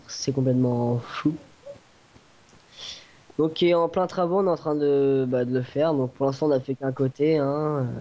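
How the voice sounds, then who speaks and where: A man's voice: fairly high pitch, warm tone. Dull lo-fi man, hesitant game tour. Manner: hesitant, searching for words. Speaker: server tour guide. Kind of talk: casual game walkthrough commentary. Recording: dull lo-fi home recording.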